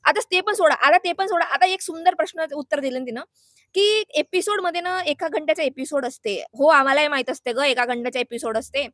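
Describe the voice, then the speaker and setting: A woman's voice: high-pitched, fairly quick, a bit bright, dry recording, studio quality. A young woman vlogger giving her sarcastic, indignant take on a reality show, scolding and mixing in English and Hindi words. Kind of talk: opinionated reaction vlog.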